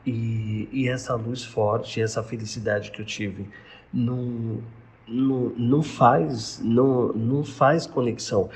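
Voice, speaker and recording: A man's voice: mid-range voice, fairly even intonation. Man telling a strange experience, casual. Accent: Brazilian Portuguese. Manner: conversational, retells dialogue, halting restarts. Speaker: storyteller recounting a personal experience. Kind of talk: casual first-person account. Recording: noisy background ambience.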